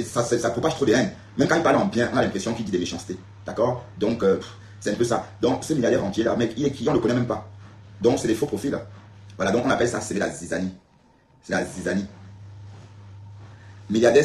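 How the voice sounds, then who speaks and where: This Cameroonian live streamer has a fairly low voice and talks fast, responding to comments casually while emphatically repeating himself to viewers. The room echoes, with faint ambience in the background.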